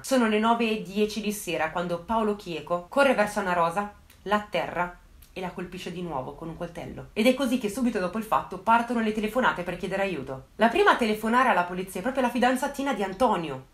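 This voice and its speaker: A woman's voice: medium pitch, echoey room. Indignant woman narrating true crime. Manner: indignant, with outbursts and asides to viewers.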